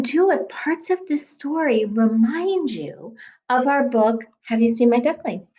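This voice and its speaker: Slow, expressive woman teacher reading aloud. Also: fairly high pitch, highs cut off. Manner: gentle, expressive, pausing to ask questions. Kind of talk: reading a picture book aloud to children.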